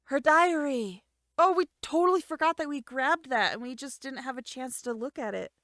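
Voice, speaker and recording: A young woman streaming a game, giving giggly, animated commentary and reactions. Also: high voice, moderate pace, dry recording, studio quality. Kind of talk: let's play commentary.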